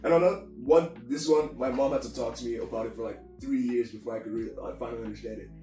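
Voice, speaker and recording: A teenage boy from Nigeria answering interview questions in a relaxed storytelling way. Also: medium pitch, fast talker. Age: teens. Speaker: guest. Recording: roomy, distant mic, faint music.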